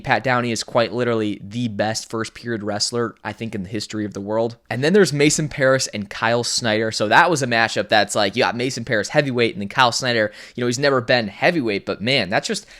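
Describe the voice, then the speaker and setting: A man in his twenties talking casually to the camera, excited and rambling, with lots of "like" and "you know". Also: medium pitch. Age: 20s. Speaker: vlogger and wrestler.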